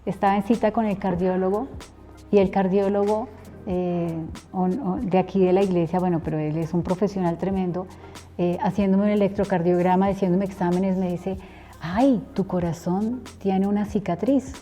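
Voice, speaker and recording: A woman's voice: on the low side, flat delivery, moderate pace, dark tone, soft background music. Middle-aged woman telling her testimony. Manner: earnest storytelling, acting out remembered dialogue. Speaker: preacher giving a testimony. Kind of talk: personal testimony interview.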